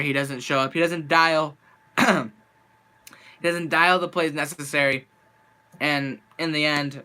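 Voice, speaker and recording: A man's voice: fairly high pitch, sharp tone, clean tone. A young man venting as a sports fan on a live stream, frustrated and rambling, with a voice worn from talking for nearly an hour. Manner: frustrated, rambling, restarts often. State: losing his voice. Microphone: handheld camera.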